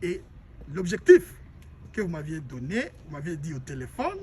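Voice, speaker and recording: A man's voice: fairly high pitch, huge pitch swings, moderate pace, darkish tone, a little hiss or hum. Rambling male interviewer. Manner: repetitive, rephrases questions, many fillers. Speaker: interviewer, journalist. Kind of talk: casual interview questions.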